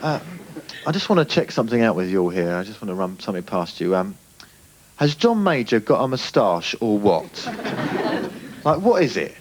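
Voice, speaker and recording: A man's voice: lowish voice, big pitch swings, moderate pace, pauses often, a little hiss or hum. A young man doing stand-up with a dry, mock-serious delivery. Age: young adult. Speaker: stand-up comedian. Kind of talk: stand-up routine. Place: comedy club stage.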